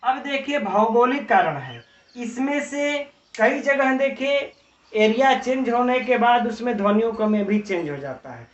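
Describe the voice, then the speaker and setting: A male teacher delivers an exam-prep lecture, working through examples and posing rhetorical questions to the class. His voice sits high. The sound is dull and lo-fi, picked up from some distance in a reverberant room. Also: lively intonation, unhurried. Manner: frequent tag "है ना". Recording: roomy, distant, dull lo-fi audio.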